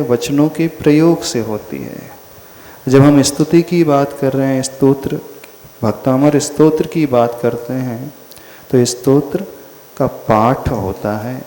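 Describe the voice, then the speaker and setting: A man, a monk, giving a slow devotional teaching discourse, often asking his listeners questions. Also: medium pitch, mellow, slight background noise. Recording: echoey hall.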